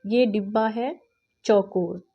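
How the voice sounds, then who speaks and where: A woman teaching a reading lesson, patiently spelling out words and repeating them slowly. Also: medium pitch, slightly rough, lo-fi sound. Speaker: Urdu teacher.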